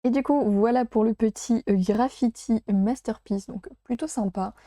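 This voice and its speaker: A woman's voice: fairly high pitch, moderate pace, warm tone, dry recording, studio quality. A woman hosting a casual toy unboxing, talking chattily with frequent hesitations. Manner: chatty, hesitant with many fillers, laughs at herself. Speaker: unboxing vlogger.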